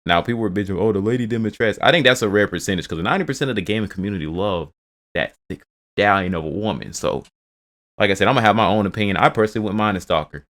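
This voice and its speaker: Deep fast-talking male reaction host. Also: a bit bright. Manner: rambling, profane, restarts a lot. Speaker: video host reacting to game news. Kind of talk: casual reaction commentary.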